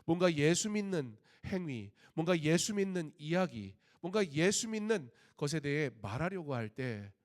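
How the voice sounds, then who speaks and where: A middle-aged Korean man, a pastor, preaching a sermon at a Friday prayer meeting, asking rhetorical questions and telling personal stories. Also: a little high.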